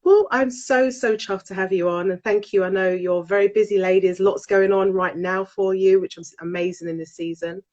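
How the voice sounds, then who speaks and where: On a live video call, a British woman hosts an online chat show while nursing a cold that leaves her voice nasal and stuffed up. Her medium-pitched, slightly mellow voice stays fairly even and moves at a moderate pace with hardly a pause, over lo-fi audio. She is effusive and tends to repeat her phrases in this casual interview.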